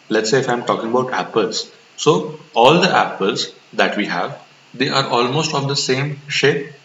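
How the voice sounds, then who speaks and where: A man's voice: mid-range voice, a bit bright. A man teaching a lesson, explaining step by step, repeating points and asking rhetorical questions. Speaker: instructor. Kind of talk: classroom-style lecture. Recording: roomy, dull lo-fi recording with hiss.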